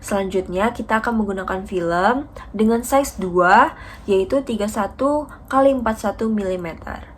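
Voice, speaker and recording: A young adult woman, a dental student, gives a polite, formal, methodical step-by-step demonstration of a radiography procedure. Her medium-pitched voice moves at a moderate pace, with a little hiss or hum in the recording.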